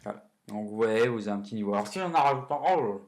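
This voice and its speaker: A man's voice: on the low side, lively intonation, very fast. Chatty man teaching coding at his desk. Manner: chatty, many fillers and self-corrections, joking asides. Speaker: coding tutorial host. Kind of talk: casual screen-recorded coding lesson.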